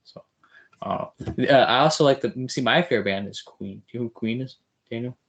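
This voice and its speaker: A man's voice: mid-range voice, fairly quick, fairly bright tone. A man hosting a podcast interview, joking and enthusiastic in casual chat. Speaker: podcast host.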